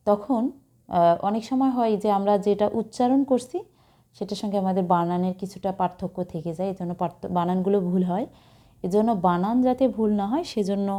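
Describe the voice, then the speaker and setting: A woman's voice: mid-range voice, mellow. A woman English teacher, explaining word meanings patiently, spelling words out letter by letter and checking that students follow. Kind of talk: casual classroom explanation.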